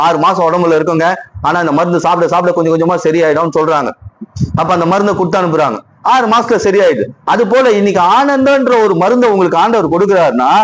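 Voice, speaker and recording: A middle-aged male pastor with a Tamil accent, preaching a Sunday sermon, repeating lines and asking the congregation questions. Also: a little high.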